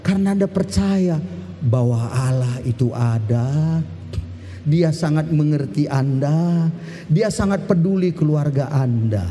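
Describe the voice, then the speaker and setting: A man pastor giving a lively sermon, shifting from sudden shouts to slow, emphatic drops. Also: fairly high pitch, in a large hall, slight background noise.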